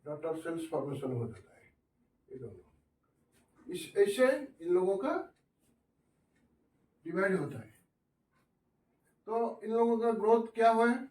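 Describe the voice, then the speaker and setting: A man's voice: sits high, lively intonation, measured pace, long pauses, mellow. A man teaching a biology class in Hindi. He asks the students questions, answers them himself, and mixes in English science terms. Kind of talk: classroom lecture at a whiteboard. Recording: echoey room, voice from a distance.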